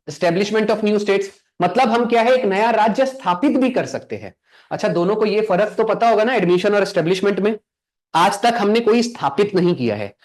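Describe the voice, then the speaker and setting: A young man teaching an exam coaching lesson, asking the class questions and answering them himself, slowing down to spell out English terms. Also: high-pitched. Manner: quizzing students with rhetorical questions, answering himself.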